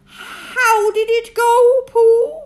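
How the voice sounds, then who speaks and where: A woman voicing a bossy, scheming male rabbit who gives orders briskly. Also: very high-pitched, steady tone, voice pushed up, full character voice. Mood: urging.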